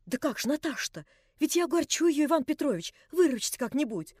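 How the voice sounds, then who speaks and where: A woman voicing an excitable, remorseful young nobleman who pleads and gushes breathlessly. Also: sits high, fast, no echo, studio quality, voice pushed up. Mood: pleading.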